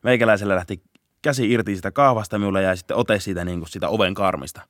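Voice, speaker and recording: A young man, a police officer, telling a story in a casual podcast interview, laughing often and shouting out bursts of the chase. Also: on the low side, no echo, clean studio sound. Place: podcast studio.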